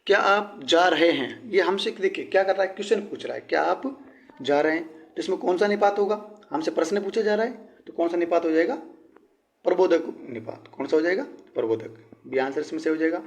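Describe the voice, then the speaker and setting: A man teaching a Hindi grammar lesson for exam prep. He explains step by step, asks his own questions and answers them, and his voice drops low and quiet at the end of each answer. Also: fairly quick.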